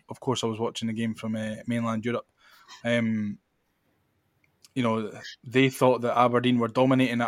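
Scottish man, fairly flat pitch, dry sound. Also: dry recording. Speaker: podcast host. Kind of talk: casual football chat.

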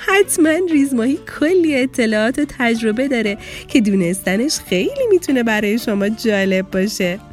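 Woman voicing a calm gentle fish teacher in a kids story, patient lecturing tone, fairly lively voice. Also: fairly high pitch, few pauses, faint music behind, close to an everyday voice. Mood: kind. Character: kind, patient female fish schoolteacher. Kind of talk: children's storybook acting.

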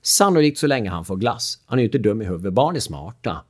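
A man, a father, explaining relationship roles in an animated chat, acting out quotes and laughing often. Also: on the low side. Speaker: speaker on the drama triangle, a father.

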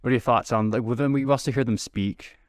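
A man co-hosting a casual podcast, talking quickly and tripping over his words as he rambles. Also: medium pitch, dry recording, clean studio sound. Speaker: podcast co-host. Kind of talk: casual chat.

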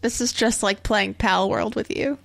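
A woman's voice: on the high side, fairly even intonation, moderate pace, creaky, fairly bright tone. A woman playing a tabletop game, making wry teasing remarks. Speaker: player. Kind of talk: casual tabletop game chat.

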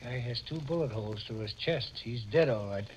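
An actor playing a gruff, wry big-city beat cop in old American radio drama style. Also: male voice, mid-range voice, normal speed, lo-fi sound, natural voice. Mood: grim. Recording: old radio recording with hiss, clicks.

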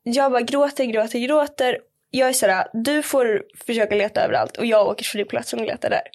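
A young woman speaks in a fairly high voice as a podcast guest. She tells her story in a loose, chatty way, full of fillers. She acts out what people said in little voiced quotes. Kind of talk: casual chat, storytelling.

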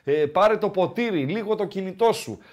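Podcast co-host, male, slightly raised pitch, repeats lines in a grumbly banter. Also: lively intonation, muffled recording. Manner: grumbling, repetitive, playful. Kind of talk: casual chat.

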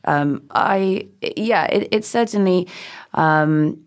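Woman, modern British RP accent, low voice, casual reflective talk, self-deprecating, hesitant. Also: slow. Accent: British Received Pronunciation. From England. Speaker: interview guest.

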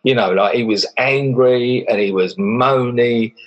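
A middle-aged man with a broad Essex accent and a husky voice at an ordinary male pitch. He talks in a casual, plain-spoken style, dropping slang and the odd swear word as he tells his stories. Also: unhurried, dull audio. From Essex, England. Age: middle-aged or older. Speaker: volunteer barber for homeless people. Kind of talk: casual chat, telling anecdotes.

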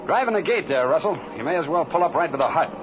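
A quick-talking, breezy pilot hero of a 1930s radio serial, played by a man, plucky and wry. The sound is muffled and clearly noisy. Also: a little high, expressive, natural voice. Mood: easygoing. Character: plucky, breezy male pilot, the hero's wisecracking partner.

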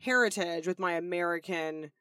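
A woman's voice: fairly low pitch, normal speed, fairly bright tone, clear, resonant tone, no room sound. Woman co-host with dry close sound. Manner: affirming, thoughtful, agreeable. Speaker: podcast co-host. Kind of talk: casual conversational podcast.

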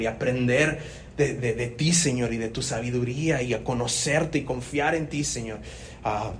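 Pastor preaching in a roomy church. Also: male voice, medium pitch, a little hiss or hum. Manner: conversational, jokes with the congregation, many restarts. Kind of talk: sermon. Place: church sanctuary. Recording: roomy church sound from a distance.

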